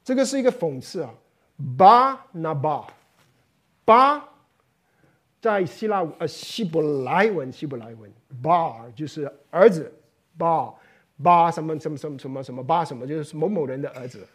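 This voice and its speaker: A man preaching an expository sermon. He is animated and often acts out the voices he quotes. He repeats words and sometimes drops to a hushed, low voice for emphasis. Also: normal speed, breathy edge.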